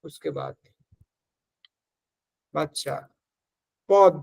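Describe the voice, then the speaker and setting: A man's voice: a little high, drawn-out words, gravelly, darkish tone. A male teacher giving an exam-prep lecture, explaining step by step, dropping in English terms and checking that his students follow.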